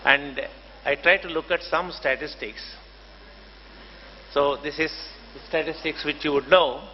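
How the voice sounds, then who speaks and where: Older indian guy giving a formal talk, courteous and halting, boomy hall, kinda muffled. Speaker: professor and conference speaker. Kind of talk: formal conference lecture. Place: large conference hall. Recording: dull, noisy hall microphone, long reverb.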